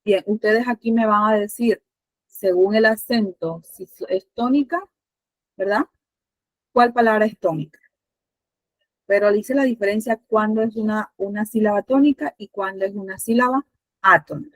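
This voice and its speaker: A woman's voice: medium pitch, normal speed, dry recording, poor audio. A Spanish teacher with a Panamanian accent, a woman, patiently asking her students questions with many fillers.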